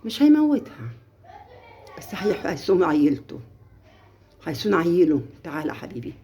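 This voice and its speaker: A woman's voice: on the low side, very animated, moderate pace, warm tone, a little hiss or hum. A middle-aged woman with an Egyptian accent, giving earnest, lecturing advice as a mother in a casual livestream, and acting out the lines of others. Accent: Egyptian Arabic. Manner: earnest, lecturing, acts out quotes.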